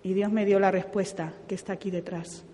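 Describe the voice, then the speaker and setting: A woman preaching a sermon, telling stories and acting out other people's voices in an animated way. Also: mid-range voice, brisk, slight background noise. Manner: animated storytelling with impersonated voices. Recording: long hall reverb.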